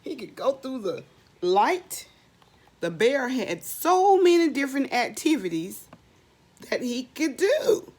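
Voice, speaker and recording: A middle-aged teacher reads a storybook to young children in a high, sing-song, slightly mellow voice at a slow pace. Expressively, she asks questions and answers them, drawing out and repeating words for emphasis.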